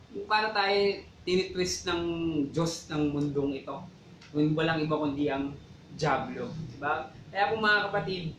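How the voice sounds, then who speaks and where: A man co-hosts a church talk show, chatting casually about faith with preachy asides, often checking in with "di ba" and exhorting listeners as "mga kapatid," brothers and sisters. His voice is on the high side and a bit bright. The recording is low quality, with an echoey room and slight background noise.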